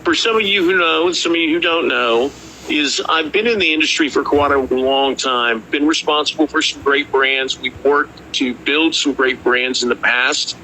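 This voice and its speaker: A man's voice: fairly high pitch, normal speed, bright, forceful tone, a little hiss or hum, low-quality recording. A man speaking casually as an interview guest from a kitchen.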